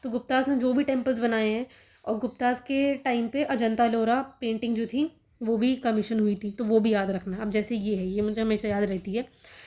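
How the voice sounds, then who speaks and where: A young woman teaching exam prep in a quick, chatty way, sprinkling in fillers as she explains. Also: fairly high pitch, fairly even intonation, darkish tone. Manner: fast, chatty, frequent "theek hai" fillers. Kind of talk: casual study-guidance talk, Hindi-English mix.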